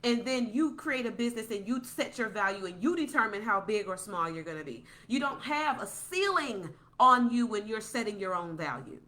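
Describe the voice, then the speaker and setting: A woman's voice: medium pitch, animated, normal speed, few pauses, sharp tone. A woman delivering a passionate, preachy podcast monologue, repeating points for emphasis.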